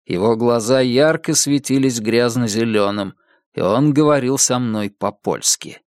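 A man reading a dark first-person story as an audiobook narrator, in a measured storytelling manner. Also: mid-range voice, no echo, clean studio sound.

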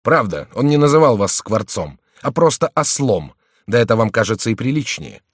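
A man voicing a mocking twenty-five-year-old nobleman who speaks slowly and deliberately in an audiobook. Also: medium pitch, animated, breathy edge, dry recording, studio quality, voice pushed up. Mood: sardonic. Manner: slow, deliberate, sardonic.

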